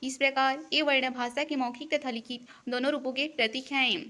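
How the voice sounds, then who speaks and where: Bright-voiced woman reading a lesson. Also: high-pitched. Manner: reads definitions in a steady, deliberate teaching cadence. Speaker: teacher. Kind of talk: exam-prep lesson, read-aloud definitions.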